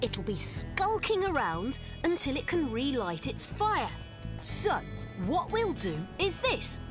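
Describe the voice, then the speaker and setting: A woman voicing an earnest young cat police sergeant in a children's cartoon, commanding but excitable and easily flustered. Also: sits high, slow pace, heavily acted. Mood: brisk, determined. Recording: music bed under the dialogue.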